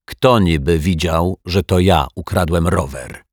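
A man voicing a smug, sneering villain in a children's audiobook, with a mocking, drawn-out delivery. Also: medium pitch, big pitch swings, gravelly, dry recording, studio quality, pitched above the performer's own voice, full character voice. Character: sneering pale male lout, smug villain.

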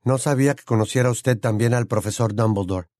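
A man's voice: mid-range voice, fairly quick, a little mellow, no room sound, studio quality, natural voice. A man voicing a polite, earnest teenage boy wizard in an audiobook, asking direct questions. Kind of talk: audiobook character voice.

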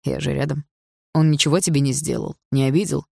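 A woman voicing a confident young man who speaks calmly and with threat. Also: low-pitched, brisk, creaky, slightly rough, no echo, clean studio sound, heavily acted. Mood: threatening. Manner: calm, threatening.

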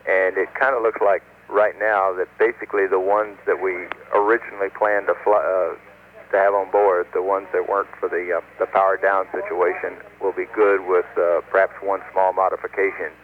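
A male American capsule communicator talks with a crew by radio. His voice is low and very even, with a matter-of-fact, conversational manner. The line is thin and phone-like. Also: normal speed. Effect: radio link. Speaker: capsule communicator at mission control. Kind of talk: spaceflight radio exchange. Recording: narrow tinny radio line, noisy static.

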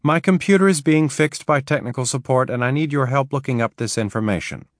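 A man voicing a smooth-talking woman identity thief who sweet-talks people on the phone. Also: medium pitch, fairly quick, no room sound, studio quality, pitched above the performer's own voice, close to an everyday voice. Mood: businesslike. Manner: seductive, persuasive phone pretexting.

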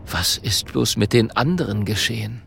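A narrator reading a children's story aloud in an expressive storytelling manner. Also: mid-range voice, normal speed, vocal fry, over loud music. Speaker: audiobook narrator.

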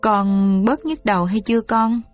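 A woman's voice: fairly high pitch, normal speed, faint music behind, close to an everyday voice. A woman doing an anxious coaxing mother. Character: worried, gentle mother of a wealthy household.

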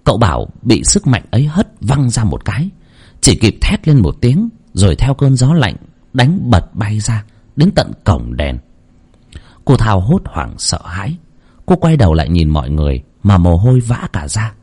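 A man narrating a horror story with dramatic, expressive delivery. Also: fairly low pitch, normal speed, slightly rough.

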